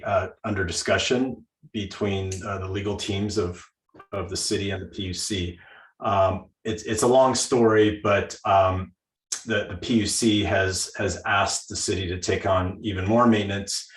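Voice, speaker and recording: A man's voice: deep voice, echoey room, low-quality recording. A man from city staff explaining at a public meeting, meandering and repeating words.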